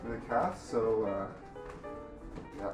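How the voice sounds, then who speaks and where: Deadpan young man in a home kitchen. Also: on the low side, takes it slowly, highs cut off, music in the background. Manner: dry, deadpan, with hesitant ums. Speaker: co-host of a small comedy channel. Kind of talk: casual comedic chat. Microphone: new microphone.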